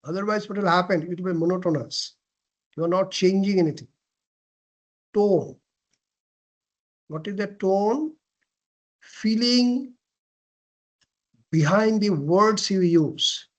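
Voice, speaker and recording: A man with a fairly high voice teaches a class on how to present well. He talks slowly and deliberately, putting questions to the room and answering them himself. He often clears his throat and restarts his phrases. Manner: frequent throat clearing and self-corrections. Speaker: lecturer on presentation skills. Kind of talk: classroom lecture.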